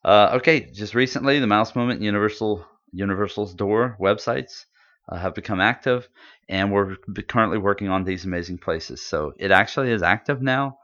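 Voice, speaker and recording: Deep-voiced man chatting casually. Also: a little fast, a bit bright. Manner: rambling, enthusiastic, many fillers. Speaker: podcast co-host. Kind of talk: casual chat. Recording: dull lo-fi audio.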